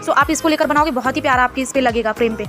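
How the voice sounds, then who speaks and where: A woman's voice: high voice, very fast, a bit bright, soft background music. A woman hosting a screen-recorded design tutorial, chatty and instructive, mixing English words into her Hindi.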